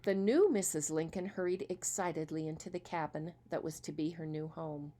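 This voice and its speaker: A woman reading a children's story aloud as storyteller, expressive and asking the young listeners questions. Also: low voice, normal speed.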